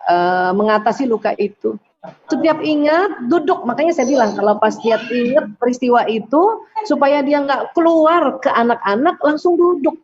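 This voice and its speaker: A middle-aged woman, a doctor, giving religious self-help advice in an animated way, acting out prayers as she talks. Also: sits high. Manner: animated, acts out prayers and quotes. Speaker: doctor and speaker answering questions. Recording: dull lo-fi sound.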